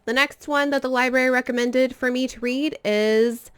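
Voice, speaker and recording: A woman's voice: high voice, fairly even intonation, moderate pace, smooth. A woman casually chatting about books for her video channel, rambling a little with frequent fillers. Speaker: book vlogger. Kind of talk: casual book chat.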